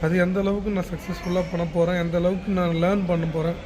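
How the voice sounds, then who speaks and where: There's clear background noise from the busy international airport where a business founder from Chennai records his travel vlog. He talks casually in a Tamil Nadu accent, his high-pitched voice moving little and his pace quick.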